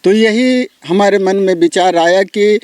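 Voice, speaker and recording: A man's voice: high voice, unhurried, darkish tone, clean tone, no room sound, clean studio sound. A man, answering politely and earnestly as an interviewee.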